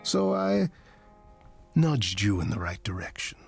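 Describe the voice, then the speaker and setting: An actor playing Pan-like smooth-talking god in a video game, sly and evasive, with flowery, hedging speech and a breathy, husky voice. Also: male voice, lowish voice, big pitch swings, unhurried, faint music behind, heavily acted. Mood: defensive. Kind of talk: video game dialogue acting.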